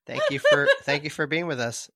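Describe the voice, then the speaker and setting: A man hosting a casual running podcast, firing off quick joking asides between questions. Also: on the high side, wildly swooping pitch, sharp tone, dry recording, clean studio sound. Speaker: podcast host. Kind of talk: casual chat.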